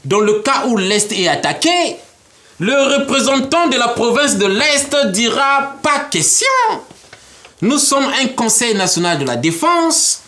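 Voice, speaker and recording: A man lays out his political ideas as an interview guest. His voice sits high and swings widely up and down as he explains. He talks in an animated way, often slipping into little acted-out exchanges and laughing. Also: a little slow. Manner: animated, acts out imagined dialogues, laughs often.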